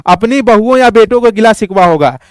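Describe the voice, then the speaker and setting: A man's voice: high-pitched, animated, fairly quick, clear, resonant tone, dry recording, studio quality. A male teacher explains a lesson in a casual, playful, teasing way and keeps asking his students questions. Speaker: Hindi teacher.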